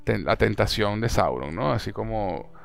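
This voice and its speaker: A young man with a Venezuelan Spanish accent, chatting casually as a podcast host and recapping a series in an animated way. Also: lowish voice, normal speed, creaky. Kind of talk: casual chat.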